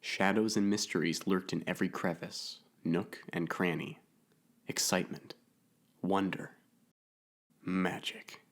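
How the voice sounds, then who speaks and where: A man narrating an audiobook story in a measured, atmospheric way. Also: deep voice, steady tone.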